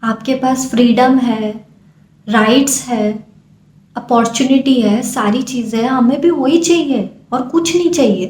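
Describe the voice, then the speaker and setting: A young woman from India talks straight to camera with a fairly high, earnest voice. Her delivery is impassioned and pleading. The room gives her voice a noticeable echo. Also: unhurried, a little mellow. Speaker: vlogger.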